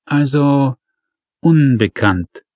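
A man voicing a hesitant rural male police officer who talks in a calm, placating way. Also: medium pitch, very slow, no echo, clean studio sound, pitched above the performer's own voice.

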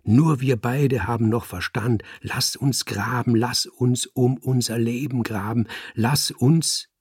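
A man voicing a brooding tomcat who believes he is the devil, speaking low, grim and solemn. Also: takes it slowly, breathy edge, dry recording, studio quality. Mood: grim warning.

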